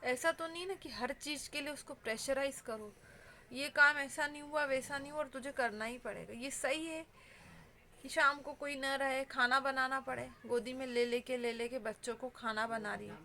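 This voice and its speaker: A woman's voice: sits high, fairly even intonation, normal speed, sharp tone. A woman vlogger giving heartfelt advice straight to her viewers, earnest and pleading in a conversational way.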